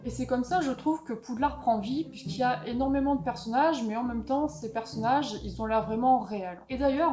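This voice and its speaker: A woman with an English accent speaking French, a guest writing coach explaining how stories are built, with enthusiasm. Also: fairly high pitch. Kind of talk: explanatory talk on a video. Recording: roomy echo.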